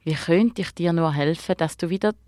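A woman's voice: on the low side, moderate pace, mellow, no room sound, studio quality, close to an everyday voice. A woman doing a wide-eyed little girl. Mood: helpful. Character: curious, helpful young girl.

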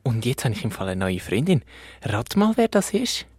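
A man with a Swiss German accent voicing an eager, cheerful little bear cub in a children's story, talking in an excited, breathless kid voice. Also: mid-range voice, moderate pace, husky, no room sound, clean studio sound.

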